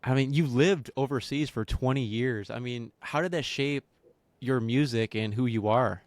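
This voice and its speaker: A man's voice: mid-range voice, moderate pace. A male podcast host puts open, easygoing questions to his guest. His voice sounds dry and close, with no room echo. Between questions he reacts in short words. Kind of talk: casual interview questions.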